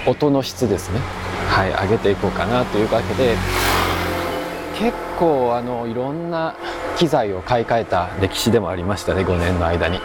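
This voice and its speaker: A man with a fairly low voice chats to his podcast listeners while walking outside. He speaks softly, as if not to be overheard in quiet surroundings, in an unhurried, reflective ramble. Clear ambient noise sits behind his voice. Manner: hushed, keeping voice low in quiet public surroundings. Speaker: amateur podcast host. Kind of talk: casual solo podcast monologue recorded while strolling. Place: outdoors, walking through a park-like area. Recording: noisy outdoor recording with ambient hum.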